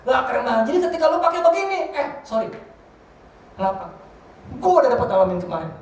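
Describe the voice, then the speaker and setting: A man giving a lively, joking sermon testimony as guest preacher in a large church hall. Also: very high voice, fast talker. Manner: animated, joking, slangy. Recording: very echoey hall, voice from far off.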